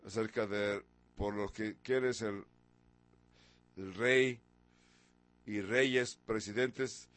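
A man in his sixties preaching a sermon, firing off rhetorical questions and pushing certain words with sudden emphasis. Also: lowish voice. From from abroad, a country once ruled by an emperor. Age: 60s.

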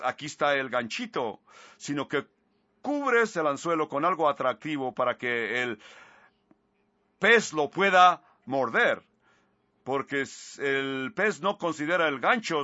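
Bright-voiced preacher. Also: male voice, mid-range voice, no room sound. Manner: earnest, retells scripture with asides. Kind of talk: sermon. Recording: slightly muffled recording.

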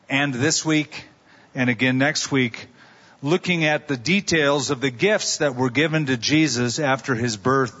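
A pastor delivering a sermon at a pulpit microphone, telling stories in a conversational way and asking rhetorical questions. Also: male voice, medium pitch, a bit bright, big-room sound, lo-fi sound.

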